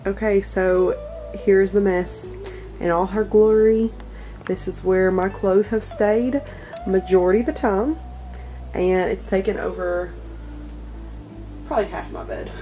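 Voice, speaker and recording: Filming in her messy bedroom, a young vlogger with a Southern US accent talks casually and candidly to camera, self-conscious yet reassuring. Her voice sits at medium pitch with a dark tone and a measured pace broken by long pauses, recorded up close on the camera mic with soft music underneath.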